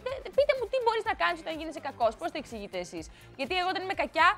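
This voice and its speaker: A woman's voice: very high-pitched, huge pitch swings, bright, forceful tone, faint music behind. A young woman TV host in a studio, chatting playfully and teasing as she reads out viewer comments, in a slightly odd voice. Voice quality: odd put-on voice today. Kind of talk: casual chatty TV presenting.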